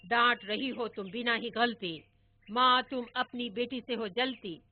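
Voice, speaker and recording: A teasing old grandfather, as a woman puts him on, chants rhyming jokes in a slow singsong that swoops up and down. He sounds mock-serious and playful on a tinny, phone-like recording with a faint hiss. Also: high-pitched, very animated, full character voice.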